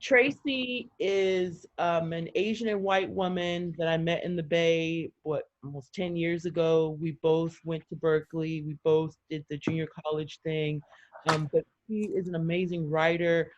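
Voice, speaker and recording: An excited woman chatting casually on a video call as a community organizer, talking fast with lots of fillers. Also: low-pitched. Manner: energized, talks fast with many fillers and quoted voices. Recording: muffled video-call audio.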